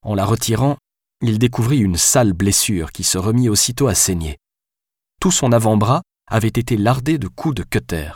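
Audiobook narrator: man, low voice, steady and measured, dry close recording. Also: no echo. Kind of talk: scripted narration.

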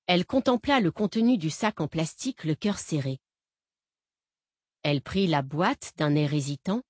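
A woman narrating an audiobook in an even, measured reading voice. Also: lowish voice, no echo, studio quality.

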